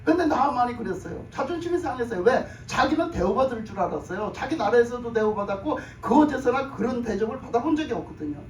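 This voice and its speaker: High-voiced man preaching with echo. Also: animated, fast, few pauses, a little hiss or hum. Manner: acts out characters' speech in the story; repeats phrases for emphasis. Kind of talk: animated sermon storytelling. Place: church sanctuary. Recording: echoey room, mic at a distance.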